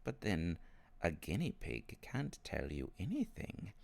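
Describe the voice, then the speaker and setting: A man's voice: sits low, huge pitch swings, unhurried, creaky, a little mellow, full character voice. A man voicing a tall, thin, sinister old uncle in a storybook reading, slyly polite and gleefully menacing, drawing out his words. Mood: slyly pleased.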